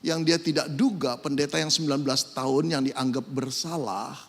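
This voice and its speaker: A man preaching a sermon, swinging between loud emphasis and soft asides. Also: medium pitch, normal speed, breathy edge, faint music behind. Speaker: pastor. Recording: echoey hall with long reverb.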